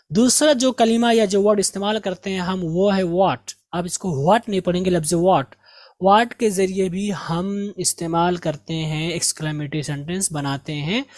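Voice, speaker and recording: A woman teaching English, slowly drilling each word and its meaning in a patient lesson. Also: lowish voice, a little mellow, no room sound, clean studio sound. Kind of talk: slow vocabulary drill lesson.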